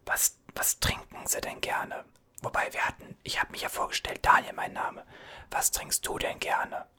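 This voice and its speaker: A man's voice: moderate pace, bright, forceful tone, close to an everyday voice. A man whispering as a chatty, soothing gas station cashier in an ASMR roleplay, reassuring and rambling.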